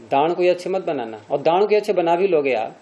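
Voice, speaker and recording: A man's voice: on the high side, lively intonation, brisk, dark tone, muffled recording. A man teaching a classroom lecture on Sanskrit grammar, explaining step by step and quizzing his students as he goes.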